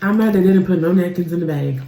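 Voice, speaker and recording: Playful slangy mom, eating and chatting, kinda echoey room. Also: female voice, fairly low pitch, quick pace, warm tone, slight background noise. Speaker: mukbang vlogger eating with her daughter. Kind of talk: casual chat while eating. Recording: roomy echo.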